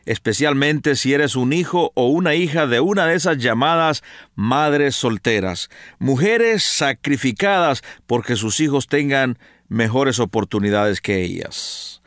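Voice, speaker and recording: A man hosting a radio interview, asking gentle, probing questions and affirming his guest with short interjections. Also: medium pitch, lively intonation, measured pace, dry recording, clean studio sound. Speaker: radio host.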